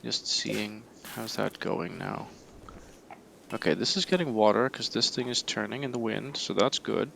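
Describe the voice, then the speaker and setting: A man's voice: lowish voice, expressive, unhurried, vocal fry, fairly bright tone, slight background noise. A man streaming a game live, casually thinking aloud in a rambling, sometimes tongue-tied way, sleepy and yawning. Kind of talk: casual let's-play commentary.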